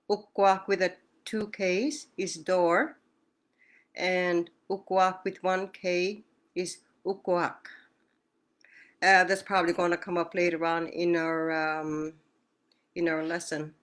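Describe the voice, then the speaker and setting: A woman leads an online language lesson, speaking slowly in a slightly low voice. She repeats words with care and answers questions patiently, as if over a video call. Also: fairly bright tone. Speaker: language teacher.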